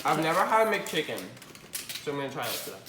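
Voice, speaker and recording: A woman's voice: low-pitched, big pitch swings, fast. A woman chatting casually with friends in a playful, teasing way. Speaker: vlogger. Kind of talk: casual chat. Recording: very noisy phone recording.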